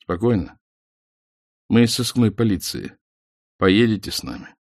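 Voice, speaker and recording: A man voicing a detective who speaks quietly and firmly, in an audiobook. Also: lowish voice, lively intonation, measured pace, dry recording, clean studio sound. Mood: calm firm. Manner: quiet and firm. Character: calm, firm male detective.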